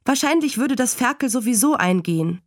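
A woman plays a farm mother, calm and firm, in a lightly acted performance pitched above her natural voice. Her voice is on the high side and fairly quick, recorded with clean studio sound and no room tone.

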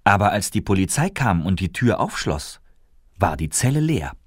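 A man narrating a storybook tale with lively expression. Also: deep voice, normal speed, slightly rough, no room sound, studio quality. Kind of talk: storybook reading.

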